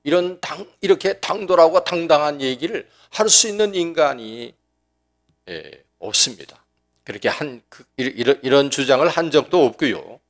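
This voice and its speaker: A man's voice: fairly high pitch, animated, moderate pace. A pastor preaching a sermon in a folksy, joking, conversational way, often restarting his sentences. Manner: folksy and joking, acting out dialect quotes.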